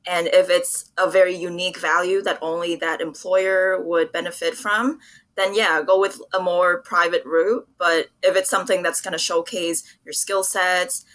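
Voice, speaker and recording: A young woman from Vietnam, a public relations professional appearing as an interview guest, answers questions in an earnest, articulate, conversational way. Her voice sits on the low side and is a bit bright.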